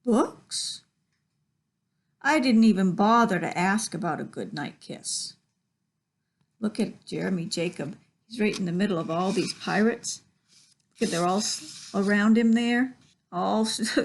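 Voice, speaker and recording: At library storytime, a woman reads a picture book aloud with expression, stopping for chatty asides to the young listeners about the pictures. Her voice sits at medium pitch and moves at normal speed.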